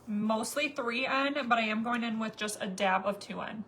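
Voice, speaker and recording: Thirties woman vlogger, casual filler-heavy chat, pitched a bit high. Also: moderate pace, a bit bright, a little hiss or hum. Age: 30s. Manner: chatty, rambling, many fillers. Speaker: makeup vlogger. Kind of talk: casual chat to viewers while doing makeup.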